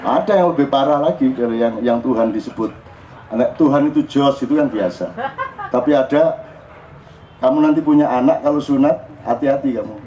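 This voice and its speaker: A man's voice: medium pitch, fairly quick, muffled recording, a little hiss or hum. A man with a Javanese accent giving an informal, joking religious talk to a crowd at a live forum. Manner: joking, animated, mixing in local dialect. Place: live open forum event.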